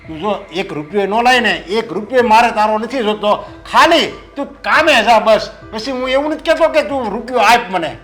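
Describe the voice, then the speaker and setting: Strict dad lecturing his lazy son, high voice, faint music under it. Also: animated, normal speed, few pauses, a bit bright. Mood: stern. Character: stern hardworking father scolding his idle son. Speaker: father.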